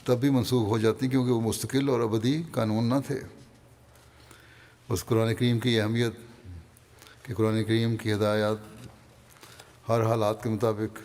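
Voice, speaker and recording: A man with a Pakistani Urdu accent delivering a Friday sermon, calmly reading and explaining quoted passages. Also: mid-range voice, in a large hall. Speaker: religious leader giving a Friday sermon.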